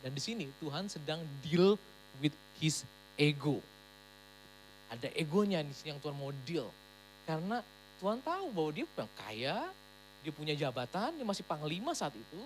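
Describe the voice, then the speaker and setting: A woman pastor giving a sermon at a church service in a lively, emphatic way, slipping English phrases into her talk. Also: low voice, normal speed, pauses often, slight background noise, low-quality recording.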